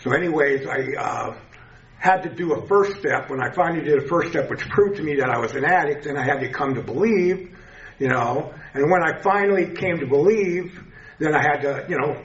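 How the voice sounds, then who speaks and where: In an echoey indoor meeting room, a man in his seventies shares his recovery story with a group, speaking informally and conversationally with a lisp from missing teeth. His voice is a little high and a little fast, with lively intonation. The recording is muffled and echoey, with slight background noise.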